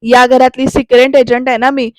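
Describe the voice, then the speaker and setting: Woman doing a bossy cheeky young woman who won't back down, high voice, dry sound. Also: level tone, brisk, no echo, lightly acted. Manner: teasing, insistent.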